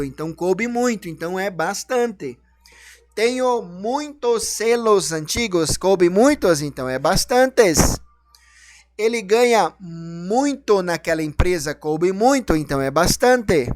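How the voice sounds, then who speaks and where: A man's voice: high-pitched, dry recording. A man teaching a grammar lesson, explaining each rule and then asking and answering his own questions.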